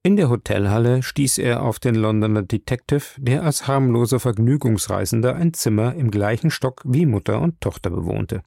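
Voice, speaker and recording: A man narrating a detective story with expressive, measured storytelling. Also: medium pitch, gravelly, no echo, clean studio sound. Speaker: audiobook narrator. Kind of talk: scripted narration.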